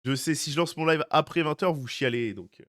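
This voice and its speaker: A man's voice: a little high, a little fast, a bit bright. A young man streaming live, chatting casually with his viewers, greeting them by name and teasing them. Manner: chatty, greets chat by name, jokey asides.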